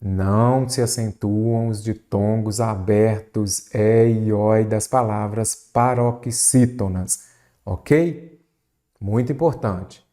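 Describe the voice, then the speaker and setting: A man teaching Brazilian Portuguese spelling for an exam, asking the viewer many quick rhetorical questions. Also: on the low side. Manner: lively, varied pace, rhetorical questions to the viewer. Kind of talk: exam-prep lesson. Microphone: recorded for an online video lesson.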